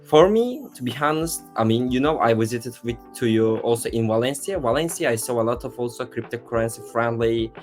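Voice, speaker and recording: A man's voice: medium pitch, lively intonation, fairly quick, hardly any pauses, faint music behind. Turkish-accented man, chatty podcast guest. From Turkey. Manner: leans on "I mean" and "to be honest", loose non-native phrasing. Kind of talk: casual podcast conversation.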